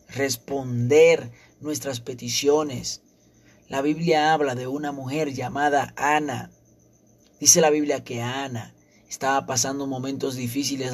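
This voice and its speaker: A man's voice: medium pitch, darkish tone. Fervent male preacher. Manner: fervent, repetitive preaching with praise interjections. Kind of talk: sermon.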